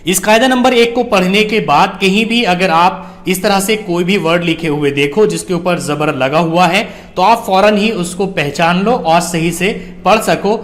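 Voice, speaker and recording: A man teaches Quran reading as a lesson. He spells letters out slowly and deliberately, one sound at a time, then explains the exercise in a plain instructive tone. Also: sits high, a bit bright.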